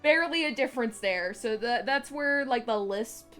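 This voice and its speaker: This young woman streams at normal speed in a fairly high, slightly bright voice, with a slight lisp and faint music underneath. Her casual live-stream chat wanders, packed with fillers, restarts and frequent laughter.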